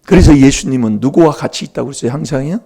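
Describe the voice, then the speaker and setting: A man's voice: medium pitch, fast talker, mellow, breathy edge. A middle-aged man preaching a sermon in a church, emphatic and prompting the congregation for replies.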